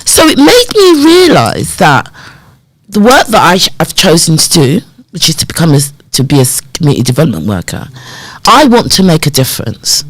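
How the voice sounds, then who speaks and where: A woman in her fifties tells her story as a podcast guest, her pitch swinging up and down as she plays out old conversations. Her voice is recorded close and dry, with no room around it. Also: brisk, no echo, poor audio. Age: 50s. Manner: animated storyteller who acts out remembered dialogue. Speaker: podcast guest, community development worker. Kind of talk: personal storytelling in a podcast interview.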